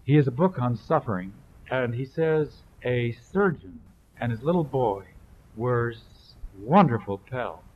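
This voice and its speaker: Emphatic preacher on a muffled old tape. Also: male voice, medium pitch, animated, measured pace, a little hiss or hum. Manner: emphatic, building repetition. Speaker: pastor. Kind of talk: sermon. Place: church service.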